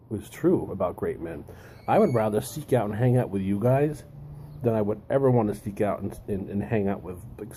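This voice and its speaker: Male host, deep-voiced and deliberate, musing over readings with pauses, faint-to-clear ambient noise behind. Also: dark tone. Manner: deliberate, pausing, repeats phrases for emphasis. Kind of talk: reflective monologue, reading and commenting.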